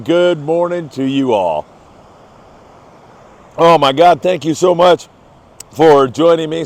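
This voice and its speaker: A man's voice: fairly high pitch, darkish tone. A man hosting a fishing report in an upbeat, effusive manner, like a travel show host gushing about the scenery and the fishing.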